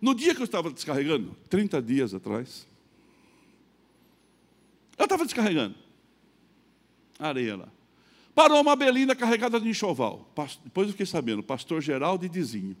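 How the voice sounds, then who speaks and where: A middle-aged Brazilian pastor preaching in church, with a fairly high voice that swings widely in pitch. He tells his story with lively animation and acts out both voices in the exchange himself. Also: a little fast, long pauses. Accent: Brazilian Portuguese. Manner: animated storytelling, acting out both sides of dialogue, building to loud preaching. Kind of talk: sermon with personal story.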